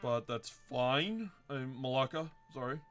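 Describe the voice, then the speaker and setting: A man's voice: medium pitch, expressive, a little slow, a bit bright. A man hosting a let's-play video, casually thinking aloud and correcting himself as he plans his moves. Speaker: game commentator.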